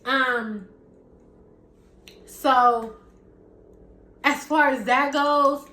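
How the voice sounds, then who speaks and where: A woman's voice: high-pitched, fairly even intonation, drawn-out words, sharp tone, echoey room. A woman podcast host, casually recounting gossip in a chatty way, hedging as she retells an argument.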